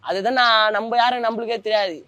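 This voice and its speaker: A man's voice: sits high, steady tone, a little fast, bright, forceful tone, no room sound, dull audio. A young man, giving a colloquial personal account as a former prisoner, often trailing off as he searches for words. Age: young adult.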